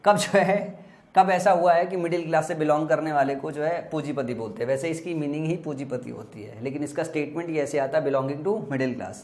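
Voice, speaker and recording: A man whose first language is Hindi, teaching exam vocabulary, explaining slowly, repeating words and spelling them letter by letter. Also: a little high, darkish tone, roomy sound.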